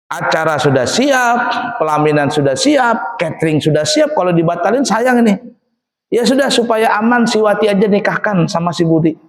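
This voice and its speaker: A man preaching a sermon, telling funny stories in an animated way and acting out the voices of the people in them. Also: high voice, normal speed. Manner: animated, acts out quoted voices, laughs often. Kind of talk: sermon with humorous storytelling. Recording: echoey hall, long reverb.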